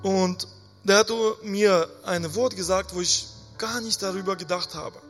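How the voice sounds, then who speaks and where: A man preaching a sermon in a church hall, earnest and halting, often pausing and restarting. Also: sits high, fairly even intonation, fairly bright tone. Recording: reverberant hall with faint music.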